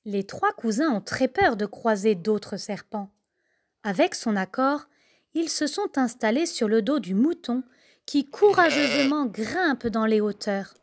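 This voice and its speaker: A mother reading a children's story aloud in a slow, expressive storybook manner. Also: on the high side. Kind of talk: storybook narration.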